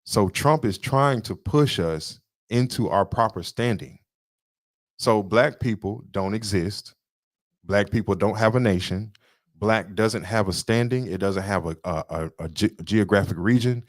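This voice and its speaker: A man's voice: sits low, no room sound, studio quality. A man co-hosting a podcast, lecturing in an emphatic way and repeating his points. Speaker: podcast co-host. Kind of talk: casual political talk.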